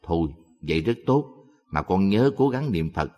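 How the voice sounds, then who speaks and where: A man's voice: low-pitched, expressive, normal speed, darkish tone. A man voicing a kindly devout old uncle. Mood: encouraging. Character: kindly older uncle, devout lay Buddhist. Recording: long hall reverb.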